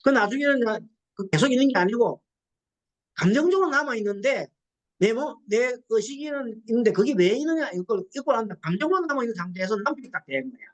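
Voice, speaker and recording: A woman's voice: a little high, expressive, brisk. A middle-aged woman, a Buddhist nun, gives a classroom lecture on psychology counseling, quizzing the class and acting out quoted dialogue.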